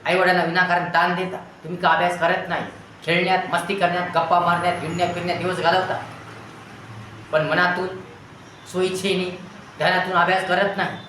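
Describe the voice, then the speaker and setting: A man's voice: high-pitched, flat delivery, fairly quick, sharp tone, a little hiss or hum. Earnest male teacher in an echoey room. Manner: earnest, repetitive exhorting in long lists. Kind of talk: motivational talk to students. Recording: very echoey room with faint ambience.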